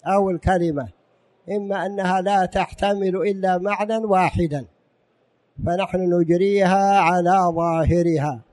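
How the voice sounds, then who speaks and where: Man, religious teacher, formal standard Arabic, fairly high pitch, even intonation, didactic lecture. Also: normal speed. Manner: formal, didactic, repeats key phrases and asks rhetorical questions.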